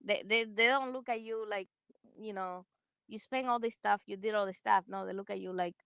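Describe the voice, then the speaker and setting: A woman from Cuba speaks English with a Cuban Spanish accent, bright and lively. Her talk comes in loud bursts and quick asides. The earbud mic gives a dry, close sound on a video call from outside. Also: medium pitch, gravelly, smooth, no room sound, rough recording. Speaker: guest, Army veteran and entrepreneur. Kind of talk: casual interview conversation. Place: outdoors on a sunny patio. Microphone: wired earbud headset on a video call.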